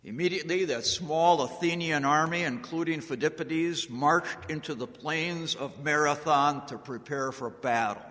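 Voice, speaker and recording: An American man telling history as a public speaker, deliberate and dramatic, with emphatic pauses. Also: on the high side, fairly bright tone. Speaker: speaker giving a historical talk to an audience. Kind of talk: public storytelling speech on history. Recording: echoey hall with long reverb.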